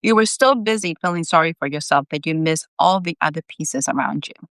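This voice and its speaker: A woman reading aloud as Saint Peter, a teasing, sharp-tongued male saint who guides a newcomer. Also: low voice, brisk, no room sound. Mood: wry. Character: wry, blunt male saint guiding a newcomer.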